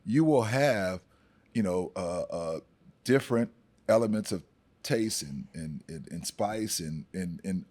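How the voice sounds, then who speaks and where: Very deep-voiced man, stumbling easygoing talk. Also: animated, a little slow, darkish tone. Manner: stammering, repeats words, easygoing. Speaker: brand ambassador guest. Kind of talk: casual conversation.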